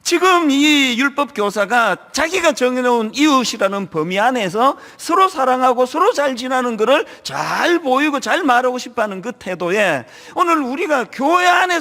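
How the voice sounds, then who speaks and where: Middle-aged male pastor, high animated delivery in a reverberant sanctuary. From Gyeongsang region, Korea. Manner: animated, acts out church members in quoted asides. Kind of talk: sermon. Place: large church sanctuary. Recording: long hall reverb.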